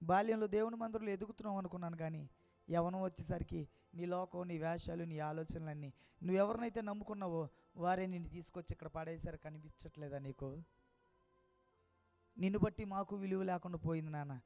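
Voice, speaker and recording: A man preaching his life testimony, swinging between loud impassioned cries and hushed, low tones. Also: a little fast, vocal fry, no echo. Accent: Telugu. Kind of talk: emotional testimony sermon.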